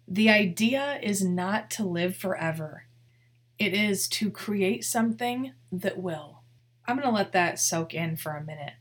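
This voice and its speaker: Young woman, podcast host, heartfelt and earnest, talks straight to listeners, slightly breathy. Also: medium pitch. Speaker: podcast host, wedding photographer. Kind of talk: solo podcast monologue.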